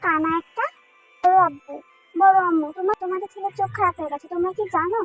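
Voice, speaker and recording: A woman's voice: very high voice, bright, forceful tone, faint music behind, rough recording. A woman voicing a sulky, hot-tempered teenage girl in love who takes offence easily, in a dubbed fan drama. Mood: angry. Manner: pouting, quick to take offence.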